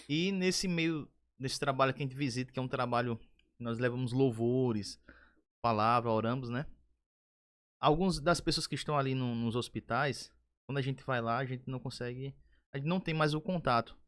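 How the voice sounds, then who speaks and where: Earnest man telling a church story. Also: mid-range voice. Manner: earnest storytelling, rising when excited. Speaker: podcast host. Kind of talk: casual testimony chat.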